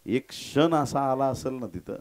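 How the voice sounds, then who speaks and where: A man preaching a sermon as pastor, fervent and dramatic, swinging from loud, rising cries to hushed, low asides. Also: lively intonation, moderate pace.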